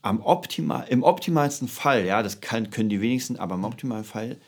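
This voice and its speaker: Low husky man in podcast chat. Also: animated, quick pace. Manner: agreeing, affirming. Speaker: podcast co-host.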